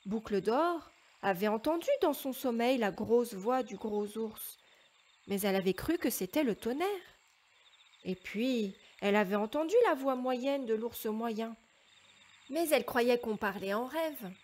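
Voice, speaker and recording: A woman narrates a children's fairy tale at a gentle, unhurried pace. Her voice sits fairly high, and she shapes each line with storyteller expression. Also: animated.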